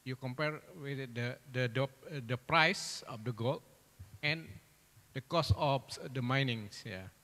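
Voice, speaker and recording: A man's voice: mid-range voice, unhurried, sharp tone. A man from the audience asking the speaker a question, hesitating with many fillers. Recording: reverberant hall.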